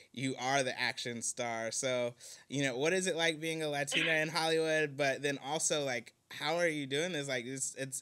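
A man's voice: mid-range voice, pushed and bright, clear, resonant tone. A man hosting an interview, asking long, enthusiastic questions full of fillers. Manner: enthusiastic, uses many fillers. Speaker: interview host.

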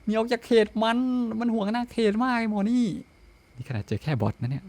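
A young man streaming a dinosaur survival game, yelping in panic when chased and muttering low when sneaking. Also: very animated, fast, a little mellow, dry recording. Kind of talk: excited gameplay commentary.

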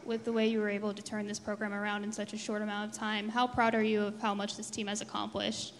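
Flat, gravelly woman reporter. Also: mid-range voice, fast talker, big-room sound, a little hiss or hum. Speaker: reporter asking questions. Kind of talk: press conference questions. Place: press conference room.

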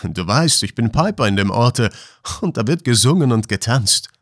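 A man's voice: medium pitch, lively intonation, moderate pace, no room sound, clean studio sound. A man voicing a cheerful young male miner who laughs easily and talks merrily, in a storybook reading. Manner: merry, laughing.

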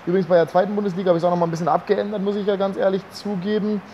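A young adult man vlogs to a phone or camera held at arm's length, moving between residential streets outdoors and a living room indoors. He chats in an upbeat, slangy way, rapid-fire and level, with a high-pitched, mellow voice and a slight cold. There's slight background noise.

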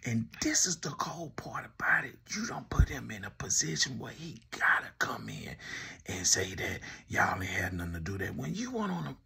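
A man delivers teasing commentary straight to the camera, needling his target and breaking into laughter often. His voice is rough and gravelly with a bright, sharp edge. His pitch swings widely as he talks. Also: big pitch swings, moderate pace. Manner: teasing, laughs often, addresses the subject directly. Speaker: commentary host. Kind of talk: mocking commentary speaking to the camera.

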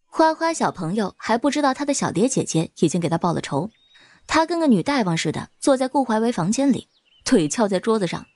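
A woman narrating an audio drama in a lively, expressive storytelling manner. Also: on the high side.

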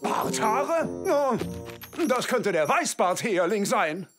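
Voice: medium pitch, very animated, slow pace, music in the background. An actor playing a pondering, self-assured bird-spotting fairy king in a children's cartoon. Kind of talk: animated children's cartoon dialogue.

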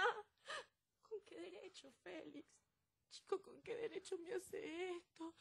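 An actress playing a hurt, crying woman in a telenovela, vehement and distressed. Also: high-pitched. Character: hurt woman vowing to change her life. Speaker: soap opera character. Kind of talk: telenovela acting.

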